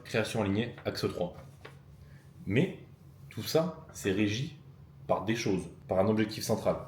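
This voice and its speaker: A self-assured man speaks in a motivational vlog, his voice pitched very low. He hammers home his points by repeating them. The room rings with echo and a faint hum of ambience underneath. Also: a little mellow. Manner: self-assured, emphatic, repeats key phrases. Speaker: fitness and business coach. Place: lives abroad in Bangkok.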